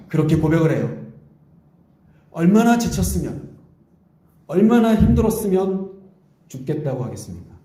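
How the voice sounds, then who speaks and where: Korean pastor preaching in an echoey church. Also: male voice, medium pitch. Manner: earnest, pleading, acts out God's gentle voice. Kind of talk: Sunday sermon. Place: church sanctuary.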